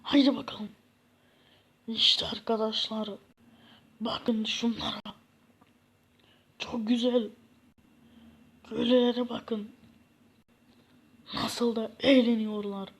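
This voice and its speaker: A woman's voice: a little high, flat delivery, slow pace, gravelly, pauses often, breathy edge, heavily acted. A woman voicing a poor, self-pitying young man in a game parody, sighing and complaining. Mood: gloomy complaining. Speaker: content creator. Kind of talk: game parody role-play.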